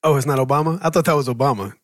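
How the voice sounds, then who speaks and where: An easygoing male podcast co-host who teases his partner and laughs easily. His voice sits at a middle pitch and sounds dry and close to the mic. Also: no room sound. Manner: easygoing, teasing, quick to laugh. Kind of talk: casual podcast chat.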